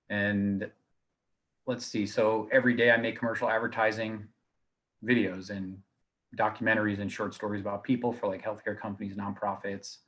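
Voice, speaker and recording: A man's voice: on the low side, a bit bright. A man who runs a production company, introducing himself casually and self-deprecatingly on a video-call panel. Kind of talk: panel discussion, personal intro.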